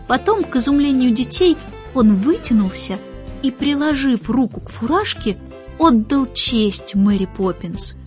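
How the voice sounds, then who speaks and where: A woman reading a children's story aloud in a lively storytelling manner. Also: sits high, unhurried. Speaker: audiobook reader. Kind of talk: scripted narration. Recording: muffled audiobook with faint music.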